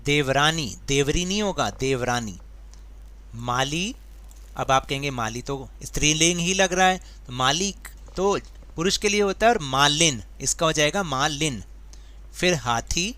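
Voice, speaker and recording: A man's voice: on the high side, bright, forceful tone, no echo. A man teaching a grammar worksheet, explaining patiently step by step and asking his students questions. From India. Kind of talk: worksheet lesson.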